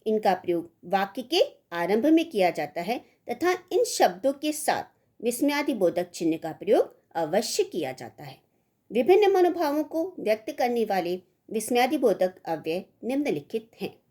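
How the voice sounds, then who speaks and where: A woman's voice: on the high side, very animated, moderate pace, dark tone. A woman teaching a Hindi grammar lesson to schoolchildren, reading rules and voicing example exclamations with expression. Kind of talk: slow scripted grammar lesson.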